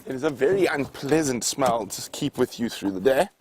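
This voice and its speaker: A man's voice: mid-range voice, animated, moderate pace, darkish tone. A man guiding a live savanna safari from an open vehicle, explaining wildlife to viewers in an unscripted, conversational way. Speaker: safari guide hosting a live game drive. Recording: noisy outdoor vehicle ambience.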